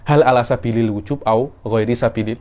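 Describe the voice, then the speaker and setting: A man's voice: medium pitch, fairly even intonation, fairly quick, a little mellow. A man teaching Islamic legal theory in a class, explaining the text and acting out short examples. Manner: explains in a mix of Malay and Arabic terms, with acted examples.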